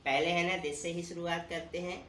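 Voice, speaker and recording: A man's voice: a little high, flat delivery, moderate pace, fairly bright tone. A man teaching an English grammar lesson, asking questions and answering them himself while repeating key words. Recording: echoey room, distant mic, faint room noise.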